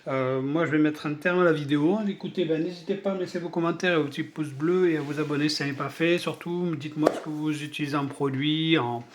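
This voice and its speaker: A man's voice: fairly high pitch, fairly even intonation, fast talker, hardly any pauses, slight background noise. A man with a southern French accent chatting casually about model paints while he builds a scale model, rambling with many fillers and restarts. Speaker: scale-model hobby vlogger.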